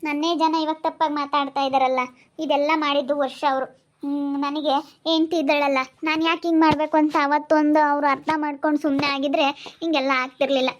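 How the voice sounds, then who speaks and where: A woman's voice: high-pitched, little pitch movement, quick pace, natural voice. A woman playing a desperate young wife pleading to be trusted. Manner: pleading, repeats herself. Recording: dull lo-fi sound.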